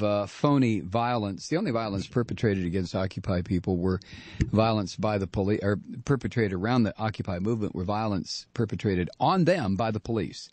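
A man's voice: lowish voice, darkish tone, no echo. Sarcastic male radio talk host. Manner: sarcastic, indignant, mocking. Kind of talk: opinionated political radio monologue.

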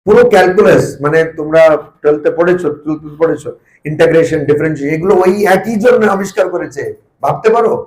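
A man's voice: on the high side, fast, darkish tone, roomy sound, rough recording. A monk giving an informal, humorous spiritual talk to a small group, often asking his listeners questions. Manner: humorous, joking asides. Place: study circle meeting room.

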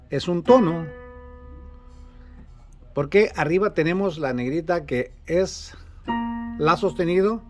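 A man giving a patient, repetitive beginner keyboard lesson, counting out intervals step by step. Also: sits high. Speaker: keyboard teacher. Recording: instrument music clearly audible behind.

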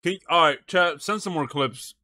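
Fairly high-pitched and at a normal speed, this man sounds pushed and bright, with no room sound. He's streaming a video reaction, reading stuff aloud close to the microphone and talking loosely to his chat, with "bro" and "chat" coming up often.

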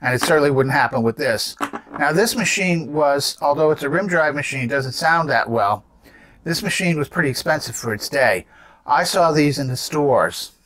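Showing off vintage gadgets without a script, a seventy-something man explains each one by asking questions and supplying the answers. He speaks in a mid-range voice with a fairly bright tone.

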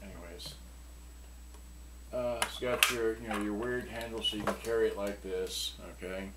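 An older man with a lowish, steady voice demonstrates used electronics he's selling, rambling casually at a moderate pace. He's in a small, cluttered indoor workshop, and the room is clearly noisy, with clicks from switches being handled.

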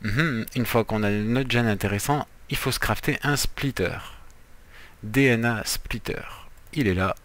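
A man's voice: mid-range voice, a little slow, a bit bright. A man giving casual, playful gameplay commentary as a let's player, chatty, with jokey asides while he explains what he is doing.

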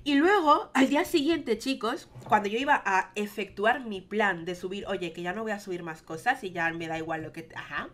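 Bright-voiced chatty young woman. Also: mid-range voice, moderate pace, few pauses. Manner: chatty, rambling with many fillers. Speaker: vlogger. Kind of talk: casual storytime monologue.

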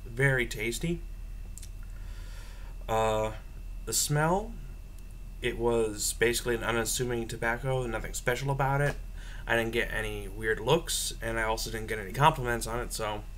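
A young man talks casually to camera in an ordinary mid-range voice. He reviews without a script, halting as he works out his thoughts. The recording is a homemade webcam one from a small room, with faint noise behind him. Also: mid-range voice, fairly bright tone. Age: young adult. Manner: halting, thinking aloud. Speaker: pipe tobacco reviewer. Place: small room at home, indoors. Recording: noisy home webcam recording.

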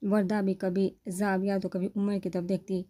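A woman narrates a romance novel aloud. Her voice is mellow and dark in tone. She keeps a steady, even storytelling pace. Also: medium pitch. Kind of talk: novel reading.

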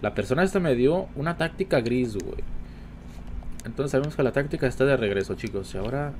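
A man with a Mexican Spanish accent giving casual, chatty commentary while streaming a game, talking to his viewers all the time and jumping into high-pitched exclamations. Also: lively intonation, brisk, a little mellow, a little hiss or hum. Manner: chatty, addresses viewers constantly. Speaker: gaming streamer.

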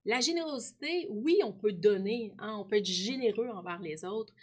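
A woman's voice: medium pitch, normal speed. A woman teacher, reading aloud and talking children through a story, full of tag questions.

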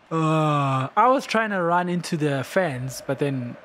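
A man giving casual gameplay commentary, excitable, laughing often and shouting at big plays. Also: fairly high pitch. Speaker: gaming channel host.

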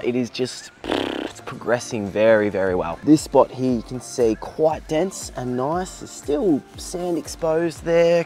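Australian man in his thirties, relaxed backyard vlogger, mid-pitched voice, faint music underneath. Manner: relaxed, chatty, with fillers and self-corrections. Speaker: lawn care vlogger. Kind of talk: casual vlog talk to camera. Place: outdoors in a large backyard lawn. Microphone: handheld camera held at arm's length, partly a distant camera.

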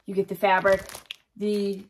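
A woman co-hosting a cross-stitch video show, chatting casually and running through a list of giveaway prizes, upbeat and quick to laugh. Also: medium pitch, completely flat delivery, a little hiss or hum. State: out of breath.

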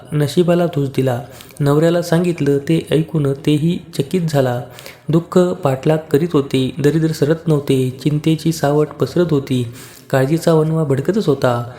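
A man narrating a devotional story in steady, rhythmic short phrases. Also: a little high.

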